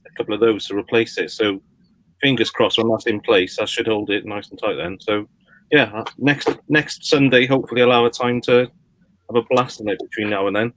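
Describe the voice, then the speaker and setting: A man's voice: lowish voice, fairly even intonation, fairly quick, a bit bright, dry recording, low-quality recording. A man chatting casually as a livestream guest, explaining things in a meandering way. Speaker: livestream guest, retro game collector. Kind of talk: casual chat.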